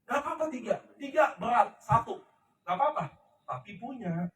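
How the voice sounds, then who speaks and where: In a large, echoey room, a middle-aged company leader delivers an emphatic, preachy motivational talk to his seated team, often asking "ngerti ya?" to check they understand. His voice is very high, expressive and fairly bright at normal speed, recorded off-mic from far away with a little hiss or hum.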